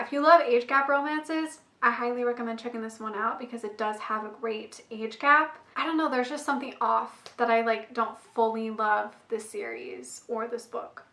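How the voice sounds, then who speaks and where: A young woman chats casually through her book reviews, her voice fraying into slight hoarseness. Her voice sits a little high but stays fairly level in pitch, peppered with "like" and "I don't know." The room around her rings with echo. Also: fairly bright tone. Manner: chatty, frequent "like" and "I don't know" fillers. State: voice going hoarse. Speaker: book vlogger. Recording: echoey room.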